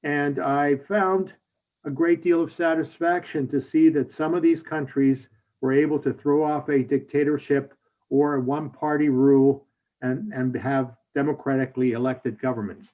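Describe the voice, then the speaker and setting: A man from Hungary, a state representative, giving measured, formal testimony to a committee over a video call. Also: fairly high pitch, fairly even intonation. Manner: measured, formal, with small restarts. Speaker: state representative, bill sponsor. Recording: tinny phone-like audio.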